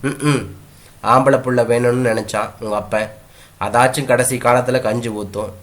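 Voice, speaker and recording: A man voicing a blunt, mocking old village grandmother in a read-aloud story, using his own mid-pitched voice. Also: fairly even intonation, moderate pace, natural voice.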